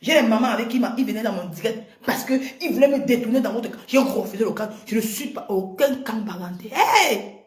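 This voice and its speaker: Heated high-voiced woman ranting on a livestream. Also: a little fast. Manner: heated, confrontational, repeats herself. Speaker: live streamer. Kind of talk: livestream rant. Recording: echoey room.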